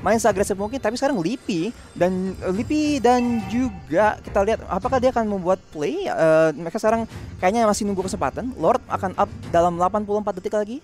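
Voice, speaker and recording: A man's voice: high voice, animated, fast, darkish tone, faint music behind. A man with an Indonesian accent giving live game commentary and analysis in a conversational way, following the play step by step. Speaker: esports shoutcaster.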